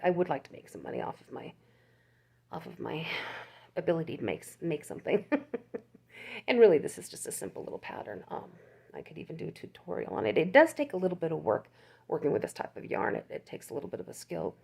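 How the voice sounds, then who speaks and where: Talking fast in a deep, gravelly voice, an older crochet YouTuber rambles through a casual show-and-tell of her work. Her dark, breathy-edged voice swings widely in pitch, and she laughs and restarts often.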